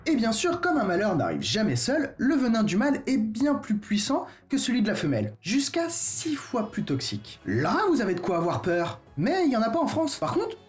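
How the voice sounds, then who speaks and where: A man's voice: high-pitched, huge pitch swings, moderate pace, few pauses, faint music behind. A man hosting an educational video in a casual, joking style, using slang and talking straight to his viewers. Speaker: educational YouTuber. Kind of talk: casual explainer narration.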